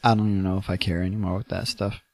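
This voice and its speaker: A man co-hosting a podcast in casual chat, riffing with quick jokes and a tired edge. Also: deep voice, fairly even intonation, darkish tone, no echo. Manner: jokey, quick riffs, frequent laughs. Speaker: podcast co-host.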